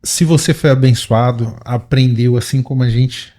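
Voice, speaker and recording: A man's voice: mid-range voice, fairly even intonation, normal speed, warm tone. A man with a Brazilian Portuguese accent hosting a casual podcast, upbeat as he guides the show. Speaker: podcast host.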